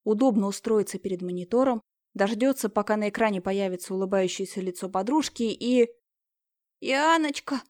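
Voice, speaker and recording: A woman's voice: medium pitch, quick pace, dark tone, no room sound. Woman narrating an audiobook, dry close sound.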